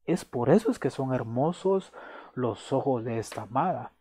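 Guy preaching a sermon, slow and repetitive, warm low tone, dry sound. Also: lively intonation, husky, no echo. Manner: slow, emphatic, repeating phrases; prays aloud to close.

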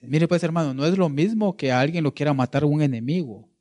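A man's voice: a little high, fairly quick, darkish tone. A male preacher giving a sermon, asking his listeners questions and often adding "right?", sometimes searching for words mid-sentence. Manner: asks the congregation rhetorical questions, repeats "¿verdad?".

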